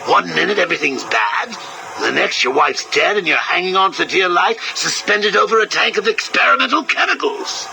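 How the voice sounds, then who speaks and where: Theatrical clown villain, gravelly and swooping, slow, hissy tape playback. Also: male voice, high voice, lively intonation, sharp tone, faint music behind, heavily acted, low-quality recording. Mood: sardonic. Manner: sarcastic, sing-song, cackling. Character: manic male villain clown, mocking and theatrical. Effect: played back from an old interview tape. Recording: hissy cassette tape recording.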